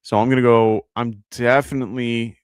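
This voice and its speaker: A man's voice: medium pitch, level tone, normal speed, clear, resonant tone, dry recording, clean studio sound. A man with a New York accent hosting a live fantasy football show, talking casually and thinking aloud with lots of fillers as he answers viewer questions.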